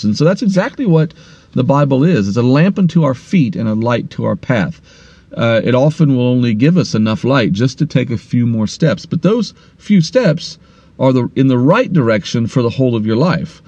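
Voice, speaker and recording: A man's voice: medium pitch, darkish tone, no echo, highs cut off. A man teaching an online Bible course, explaining points and often restarting his phrases. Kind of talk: recorded online course lesson.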